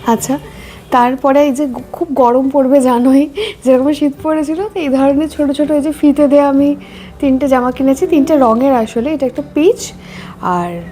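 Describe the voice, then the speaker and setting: A young woman talks in an easy, chatty vlog style. Her voice sits high but sounds mellow and warm. She keeps it quiet and gentle. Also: slight background noise. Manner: soft-spoken, chatty, speaks quietly while baby sleeps. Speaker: vlogger. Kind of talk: casual vlog chat.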